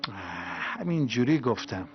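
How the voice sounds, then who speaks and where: An actor playing a father, emotional and expressive, in a dubbed TV drama. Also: mid-range voice. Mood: coaxing. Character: anxious father, coaxing then frantic. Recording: dull lo-fi TV audio with music.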